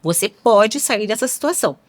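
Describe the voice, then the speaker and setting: A woman's voice: a little high, animated, normal speed. A woman co-hosting a podcast, speaking encouragingly and repeating key points for emphasis. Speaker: podcast co-host. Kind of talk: conversational podcast talk.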